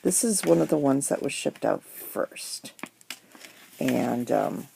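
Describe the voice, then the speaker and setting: With a very deep, gravelly, mellow voice, a middle-aged crafting vlogger speaks slowly but with lively intonation as she rambles through a crafting haul. She has the hiccups and says um a lot, and the noisy home recording includes paper crinkling and rustling.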